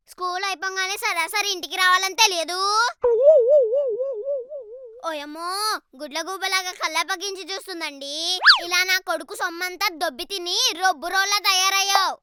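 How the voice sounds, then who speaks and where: A woman's voice: very high-pitched, very noisy. A young girl playing a nagging, self-pitying old grandmother in a comedy skit, wailing and scolding. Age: child. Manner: wailing "ayyo ayyo", sharp scolding.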